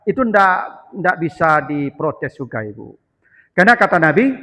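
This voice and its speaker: A man with a Minangkabau accent preaching a humorous sermon, animated and joking, talking straight to his listeners. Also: sits high, big-room sound. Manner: animated, joking, addresses the audience directly. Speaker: Islamic preacher.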